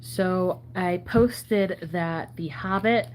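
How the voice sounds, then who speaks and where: Woman with a swollen-sounding sore throat, slow. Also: on the low side, darkish tone. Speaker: trading card channel host. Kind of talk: casual chat while sorting cards. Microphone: phone camera. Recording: noticeable background noise.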